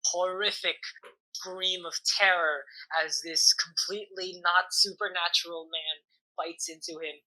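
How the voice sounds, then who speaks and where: A woman game master improvising tabletop narration, feeling out the story haltingly as she goes. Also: lowish voice, fairly even intonation, pushed and bright, poor audio.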